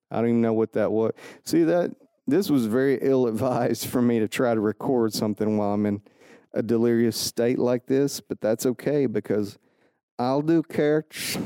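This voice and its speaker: A man's voice: medium pitch, mellow, clean tone, no echo, studio quality. A man hosting a solo podcast, rambling goofily and joking at his own expense. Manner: self-mocking, goofy, rambling. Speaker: podcast host.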